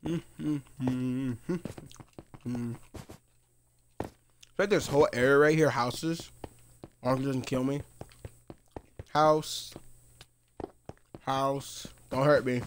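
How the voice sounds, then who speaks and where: A man's voice: mid-range voice, slow pace, pauses often, slight background noise. A man chatting loosely over his own gameplay on a live stream. He rambles from one thought to the next, mutters half to himself and breaks into laughter often. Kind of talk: casual live gameplay commentary.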